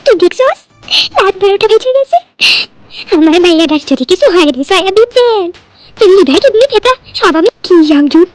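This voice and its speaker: A woman doing a loud, crude middle-aged mother in a storybook tale who scolds and insults at the top of her voice. Her voice sits extremely high and piercing. Faint music plays underneath. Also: lively intonation, a little fast, no echo. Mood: scolding.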